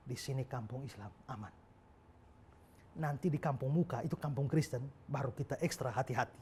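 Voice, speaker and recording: A man voicing a bus conductor who speaks low, quiet and matter-of-fact. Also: brisk, a little hiss or hum, lightly acted. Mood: reassuring. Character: reassuring male bus conductor.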